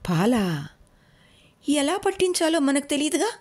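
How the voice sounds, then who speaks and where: A woman's voice: sits high, big pitch swings, unhurried, darkish tone, voice pushed up. A woman voicing a timid, wide-eyed little boy. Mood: innocent. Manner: hesitant, wondering questions. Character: timid, innocent young boy.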